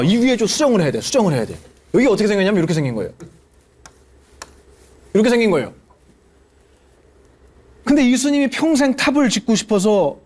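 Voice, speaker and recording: A male Buddhist monk giving a lively sermon to an audience, asking them questions and acting out the people he quotes. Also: high voice. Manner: animated, asks the audience questions and acts out quoted speech.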